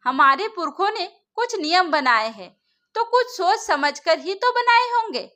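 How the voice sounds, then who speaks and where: A woman's voice: very high voice, lively intonation, measured pace, pushed and bright, full character voice. A woman voicing a stern, traditional older mother-in-law who scolds her daughter-in-law in a storybook. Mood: huffy.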